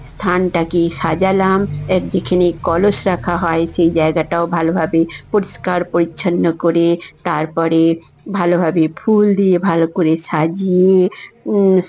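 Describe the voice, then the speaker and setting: A woman narrating her home worship vlog, repeating phrases and chanting prayers slowly. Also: on the low side, darkish tone, low-quality recording. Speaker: vlogger. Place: home shrine and her parlour.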